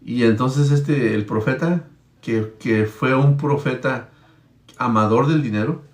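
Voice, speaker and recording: A man's voice: medium pitch, slow pace, roomy sound. A man preaching, retelling Bible stories in a conversational, storytelling way and checking in with his listeners. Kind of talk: Bible-teaching sermon.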